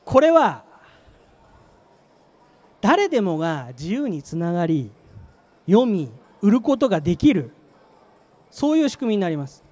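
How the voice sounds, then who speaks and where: On a presentation stage at an exhibition venue, a middle-aged manager presents his company's product live with slides, using short, emphatic phrases into a handheld microphone. He sounds high-pitched, very animated and a little mellow, keeping a measured pace broken by long pauses.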